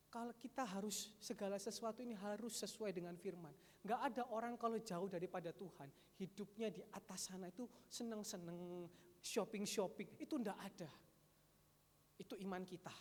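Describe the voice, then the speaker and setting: Guy preaching, gets loud then real quiet, echo of a big church hall. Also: high voice. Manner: animated, swings between loud emphasis and quiet asides. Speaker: pastor. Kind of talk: sermon. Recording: long church hall reverb.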